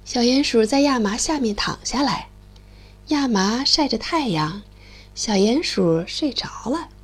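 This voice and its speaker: A woman narrating a children's storybook in an expressive, sing-song way. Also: a little high, a little slow, breathy edge.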